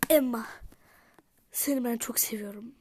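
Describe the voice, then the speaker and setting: A woman in whispered role-play, voicing dolls in a game and switching between character voices, often softly whispering. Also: a little high, normal speed, a little hiss or hum. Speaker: YouTuber voicing dolls in a life-sim game.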